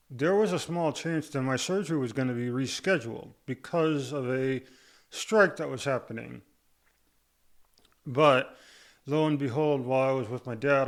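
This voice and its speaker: A man with a mid-range voice gives a casual update to the camera after surgery. His jaw is held restricted by rubber bands, so he talks with difficulty as saliva pools in his mouth.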